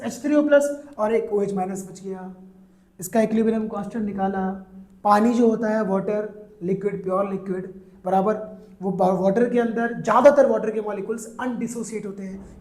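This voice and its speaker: A man teaching chemistry in a classroom lecture, asking students questions and answering them himself, calling them "beta," and drawing out English terms slowly. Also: high-pitched, a little mellow, roomy sound. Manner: mixes English terms into his talk, drawn out slowly.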